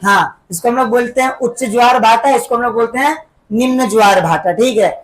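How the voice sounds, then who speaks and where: A woman's voice: on the high side, a little fast. A woman teaching a school class, explaining step by step and constantly asking pupils to repeat key words back, tagging her sentences with little check-ins. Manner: keeps quizzing the class with repeat-back questions; tags sentences with "है ना" and "ठीक है बेटा". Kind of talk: classroom lesson.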